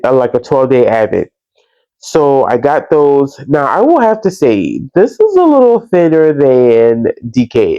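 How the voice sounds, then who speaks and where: A man chatting casually like a crafting vlogger, congested with a cold, sniffing and breathing through his mouth, in a halting, stop-and-start way. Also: medium pitch, warm tone, smooth, no echo. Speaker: podcast host. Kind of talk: casual crafting vlog chat. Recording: slightly dull, lo-fi sound.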